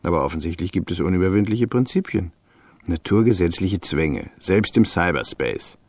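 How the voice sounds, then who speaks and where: A man's voice: sits low, lively intonation, normal speed, darkish tone, dry recording. An actor playing a shady male computer crook who evades his virtual lover's questions, in a radio play. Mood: lecturing. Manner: evasive, defensive, placating.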